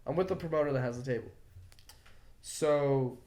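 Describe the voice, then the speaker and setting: A young man co-hosts a podcast. He tells a story in loose, heated casual talk, full of swearing and "like" fillers. His voice sits at an ordinary pitch and echoes around a roomy space. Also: normal speed, a little mellow. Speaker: podcast co-host. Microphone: podcast mic. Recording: roomy echo.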